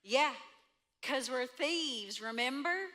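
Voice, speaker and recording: A woman's voice: high-pitched, expressive, slow, sharp tone, heavily acted. A woman in a church drama playing a scheming, bossy outlaw who talks in a brash drawl and laughs easily.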